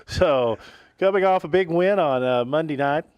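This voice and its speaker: A man's voice: a little high, normal speed, a little mellow, clean tone, no room sound. A radio host chatting casually and ribbing his guest, laughing easily, in a studio.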